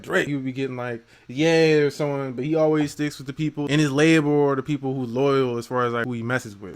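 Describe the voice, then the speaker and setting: Animated male co-host giving album opinions. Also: medium pitch. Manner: animated, swings between hype and mumbled asides. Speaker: co-host of album review show. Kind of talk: casual review chat.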